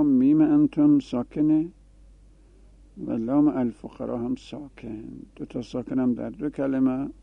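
An Arabic grammar teacher leads a classroom lesson in a medium-pitched, creaky male voice, explaining rules and repeating example forms aloud. The recording is tinny and phone-like, completely dry with no echo.

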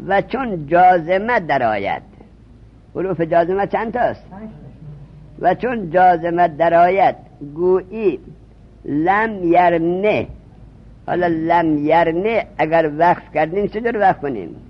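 Man, husky slightly high voice, classroom teacher, drills terms, quizzes students, dull lo-fi sound. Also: animated. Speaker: religious studies teacher. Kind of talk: classroom lesson. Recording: dull lo-fi recording.

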